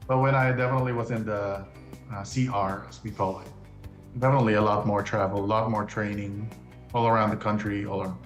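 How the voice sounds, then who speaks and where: A man's voice: on the low side, fairly even intonation, brisk, soft background music. A young man from upstate New York, a quiz contestant talking casually about himself in a laid-back way with frequent chuckles. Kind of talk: casual interview chat. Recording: roomy echo.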